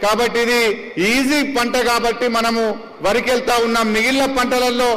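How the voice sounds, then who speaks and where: A man giving a measured, explanatory formal address to farmers. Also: extremely high pitch, steady tone, pushed and bright. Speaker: official speaking at a farmers' event. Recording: echoey hall from a distance.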